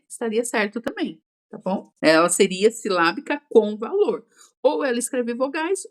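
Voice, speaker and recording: A woman teacher giving an exam-prep lecture, explaining step by step and checking in with quick tag questions. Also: medium pitch.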